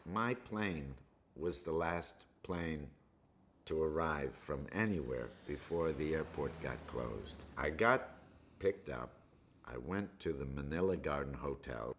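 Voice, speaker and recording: A man, an actor being interviewed, recalling events in a measured, unhurried way. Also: a bass voice, lively intonation, slight background noise. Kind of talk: reflective interview recollection.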